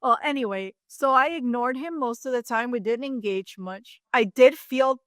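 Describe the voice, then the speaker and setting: A woman in her fifties from Cuba, telling a personal story as a podcast guest with animated asides. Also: fairly high pitch, normal speed, dry recording, studio quality. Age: 50s. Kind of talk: storytelling in an interview.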